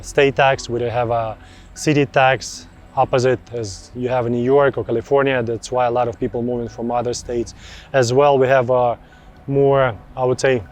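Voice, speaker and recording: With a mid-range voice and a Russian accent, a thirty-something broker from Russia chats casually in English while answering questions from viewers. He keeps things relaxed and frequently says words twice to drive them home.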